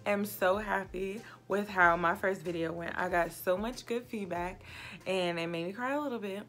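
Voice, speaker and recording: A woman's voice: mid-range voice, moderate pace, a bit bright. A woman in her twenties chatting casually to camera as a makeup vlogger, with a tipsy, giggly, rambling drunk manner. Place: small indoor home set, close to camera.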